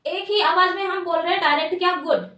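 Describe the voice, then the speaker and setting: Woman teacher, very high voice, quiz-and-answer manner, recorded from afar in a roomy classroom. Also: steady tone, fast talker, sharp tone. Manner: asks questions and answers them herself, repeats words. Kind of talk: grammar lesson at a board. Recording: echoey room, mic at a distance.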